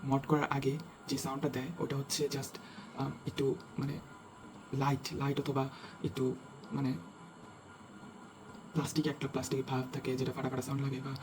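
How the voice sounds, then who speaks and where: A man casually explaining a speaker mod step by step, checking in with his listeners and pausing to search for words. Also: medium pitch, monotone, over music, low-quality recording. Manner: talks step by step, checking in with "right?"; hesitant, with searching fillers while judging sound. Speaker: DIY tutorial host.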